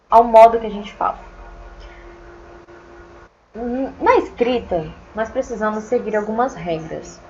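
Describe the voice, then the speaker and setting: A woman teacher with an Acre Brazilian accent, giving a casual online lecture in a chatty, expressive, opinionated way. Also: mid-range voice, lo-fi sound, slight background noise. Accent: Acre Brazilian Portuguese.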